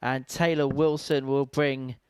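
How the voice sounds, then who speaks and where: A man's voice: mid-range voice, little pitch movement, a little slow, smooth, dry recording, studio quality. A man giving live darts commentary in a chatty, wordy way with playful turns of phrase.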